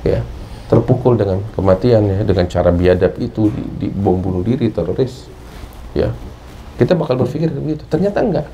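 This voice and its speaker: Mellow-voiced Indonesian man preaching. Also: lowish voice, lively intonation, a little fast, slight background noise, poor audio. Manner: storytelling, rising to emphatic peaks. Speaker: religious teacher. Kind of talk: Islamic study sermon.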